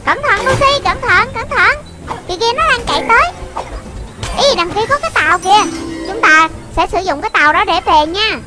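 The voice is very high and childlike, moving fairly quickly as a narrator of game videos for children gives excited running commentary. It's exclamatory and full of repeated short phrases, set against loud game music over the voice.

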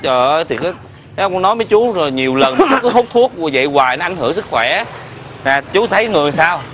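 Man, high voice, coaxing, comedy sketch, faint noise behind. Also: expressive, quick pace, fairly bright tone. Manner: exclamatory, coaxing. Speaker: comedy stage actor.

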